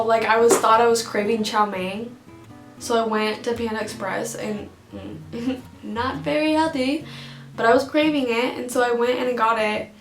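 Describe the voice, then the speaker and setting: A woman's voice: on the high side, echoey room. A young woman vlogging casually to camera, rambling and giggly, close to tears as she talks. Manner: rambling, giggly, emotional, many fillers. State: teary, on the verge of crying.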